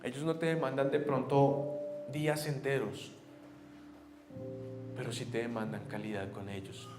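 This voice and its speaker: A young adult man, preaching a sermon as a pastor. He talks earnestly, moving between animated and quiet, reflective moments. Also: medium pitch, a little slow. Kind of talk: sermon storytelling. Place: church sanctuary. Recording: echoey church hall, faint guitar.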